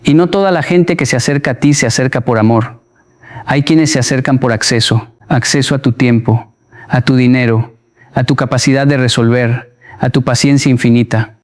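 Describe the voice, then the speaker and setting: A man narrating a motivational voice-over in a measured, emphatic way, with short, punchy phrases. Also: mid-range voice, fairly even intonation.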